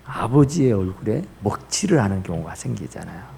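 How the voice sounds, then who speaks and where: A man's voice: fairly low pitch, sing-song, brisk, creaky, darkish tone, husky. A man preaching a sermon as pastor in a church, rising in bursts and dropping to near whispers. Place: church sanctuary.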